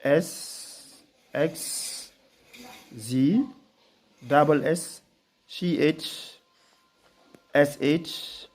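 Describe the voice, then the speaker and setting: An English teacher reads out single example words one by one in a dictionary pronunciation manner, deliberate and instructional. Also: mid-range voice, a little mellow, soft background music. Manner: dictionary-style pronunciation, saying single words slowly and separately; deliberate, repeats key phrases. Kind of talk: spoken lesson with slow example words.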